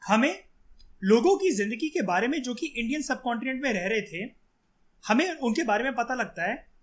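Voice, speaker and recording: A man's voice: extremely high pitch, expressive, moderate pace. A male teacher giving a chatty lecture, talking straight to his students and acting out example lines. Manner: chatty, addresses students directly and acts out lines.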